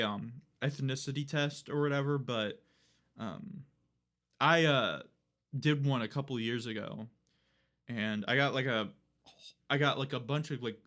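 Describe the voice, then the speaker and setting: A man's voice: mid-range voice, a bit bright. A young man live-streaming, chatting casually and rambling with lots of fillers and casual swearing. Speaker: livestreamer.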